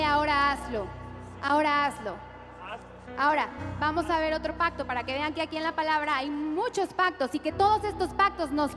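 A woman preacher with a Latin American Spanish accent, leading the congregation in repeated declarations during a sermon. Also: high voice. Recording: reverberant church hall with music. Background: music.

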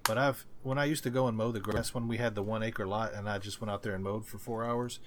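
A man co-hosting a podcast in casual chat, rambling and halting, often restarting his thoughts. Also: fairly low pitch, fairly even intonation, slight background noise. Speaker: podcast co-host.

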